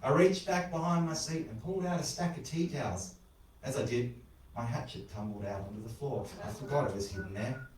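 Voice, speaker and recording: A man narrating a macabre short story in an animated, wry, crude style, recorded in an echoey room away from the mic. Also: mid-range voice, a little fast, far from the mic. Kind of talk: dramatic spoken horror narration.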